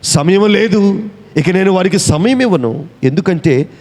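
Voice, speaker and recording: A pastor voicing God as a stern, commanding deity. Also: male voice, sits high, lively intonation, a little slow, a little mellow. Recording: echoey hall reverb.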